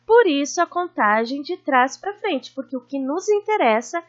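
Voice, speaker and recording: High, lively Brazilian schoolteacher woman. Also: dull audio. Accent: Brazilian Portuguese. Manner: slow, drawn-out stressing of syllables; warm teacherly questions to pupils. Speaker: teacher. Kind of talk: recorded online lesson for children.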